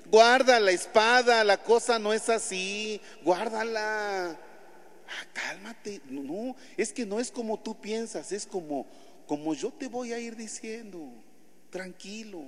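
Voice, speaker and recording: A man voicing Jesus as a gentle, patient figure who calms a disciple in a coaxing tone. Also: a little high, a little slow, few pauses, full character voice. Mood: soothing. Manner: soothing, coaxing. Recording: long church reverb.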